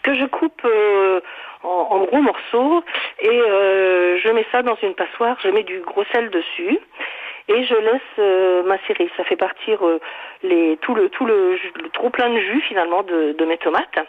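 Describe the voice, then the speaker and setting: A woman calling in to a radio show and explaining a recipe in a halting way, correcting herself as she goes. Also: medium pitch, slight background noise. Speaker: caller. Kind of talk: call-in recipe chat. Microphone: telephone. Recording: tinny phone line.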